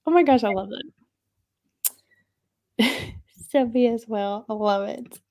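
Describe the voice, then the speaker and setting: Woman host, casual stream chat, a bit of vocal fry, reads comments out loud. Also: a little high, slow. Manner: chatty, reads viewer comments aloud. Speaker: livestream host.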